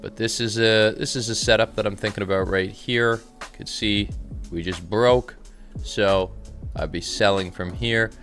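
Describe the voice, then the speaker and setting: Calm soft-spoken man, radio-DJ smoothness. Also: fairly low pitch, measured pace, soft background music. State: a little tired. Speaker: trading livestream host. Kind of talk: live market commentary reading chat.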